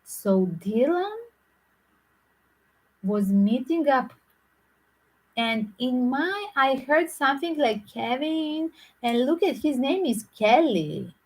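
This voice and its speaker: Husky-voiced woman rambling to viewers. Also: sits high, expressive, takes it slowly, long pauses, low-quality recording. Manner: rambling, frequent "like" fillers. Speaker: tarot reader. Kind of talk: casual speculative monologue to viewers.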